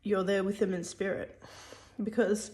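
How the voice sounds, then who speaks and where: A woman's voice: medium pitch, flat delivery, unhurried, a little mellow. A woman giving a casual spoken religious teaching, hesitant, with many fillers and restarts.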